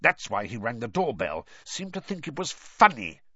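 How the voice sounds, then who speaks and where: A man reading an audiobook, voicing a gruff, blustering middle-aged uncle who growls through his teeth, in a dull, dry recording. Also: mid-range voice, very animated, normal speed, bright, forceful tone, no echo. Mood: growling.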